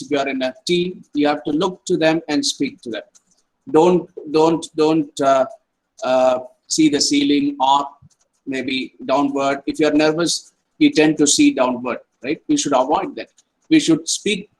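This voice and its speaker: A man's voice: a little high, low-quality recording. A middle-aged man, an academic counsellor giving an online lecture and tagging his points with "right?" and "okay". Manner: repeats points, tags sentences with "right?" and "okay".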